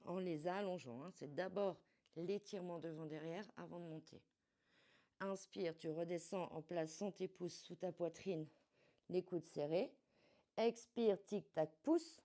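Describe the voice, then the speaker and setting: A woman fitness coach guiding a workout step by step, calmly cueing each movement and breath. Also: lowish voice, a little slow. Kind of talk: guided workout instruction.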